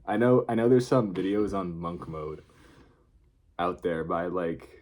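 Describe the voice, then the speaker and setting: Low-voiced man rambling through a vlog. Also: measured pace, darkish tone, slight background noise. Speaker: vlogger. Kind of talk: casual unscripted video diary.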